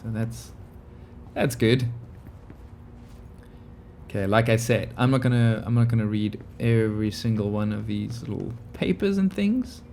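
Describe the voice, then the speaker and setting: A man's voice: fairly low pitch, measured pace, gravelly, long pauses, darkish tone, a little hiss or hum. A man hosting a gaming video, giving casual, laid-back, musing commentary as he plays.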